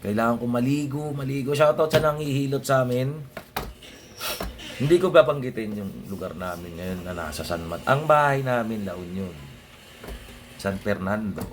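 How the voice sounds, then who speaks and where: A man's voice: medium pitch, animated, moderate pace, slight background noise. A young man ranting casually to his viewers in a blunt, sardonic way, swearing often and muttering asides under his breath. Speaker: vlogger.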